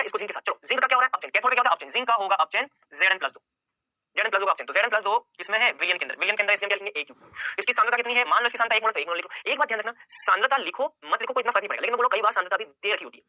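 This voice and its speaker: A man teaches chemistry at breakneck speed, throwing out questions and answering them himself. His voice is high, bright and forceful. The sound is dry and close, but a little dull and muffled. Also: no room sound. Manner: repeats key points over and over. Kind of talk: exam-prep lecture.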